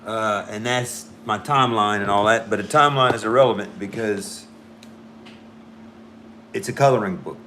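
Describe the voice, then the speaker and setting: Guy with a lowish voice thinking out loud on a drawing stream, bits of halting french, some noise behind him. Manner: rambling, thinking aloud, mild swearing; drops in phrases of halting amateur French. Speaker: artist streaming a drawing session. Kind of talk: casual livestream chat while drawing.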